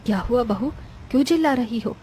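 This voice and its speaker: Woman doing a stingy cartoon mother-in-law, bossy and grumbling, fairly high pitch. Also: lively intonation, a little fast, dark tone, slightly rough. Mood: weary. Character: stingy scheming middle-aged mother-in-law.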